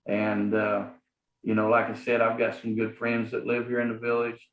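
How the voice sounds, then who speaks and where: Guest: middle-aged man, Southern drawl, sincere and halting, lo-fi roomy audio. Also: fairly low pitch, monotone, a little hiss or hum. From Arkansas, US. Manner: earnest, rambling with many fillers. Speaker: guest, property manager. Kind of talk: casual interview talk. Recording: echoey, phone-like sound.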